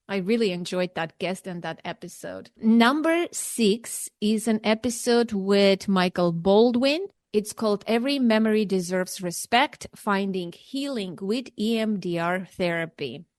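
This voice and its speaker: A woman's voice: medium pitch, dry recording. A woman podcast host talks conversationally in a mid-range voice. The sound is very dry, with no room around it.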